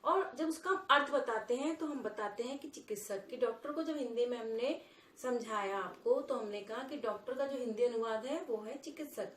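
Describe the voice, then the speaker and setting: A woman teaching a grammar lesson, explaining sounds and slowly repeating example words. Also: a little high, reverberant.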